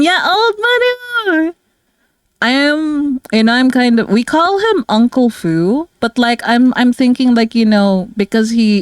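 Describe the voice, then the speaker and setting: Rambling and giggling through a casual livestream, this Filipino woman, a streamer and artist, uses plenty of fillers. She speaks at a fairly high pitch, and there is no echo.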